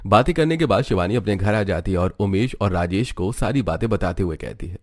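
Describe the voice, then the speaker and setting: A man narrating a cartoon story in a steady, even storytelling manner. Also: low voice, brisk.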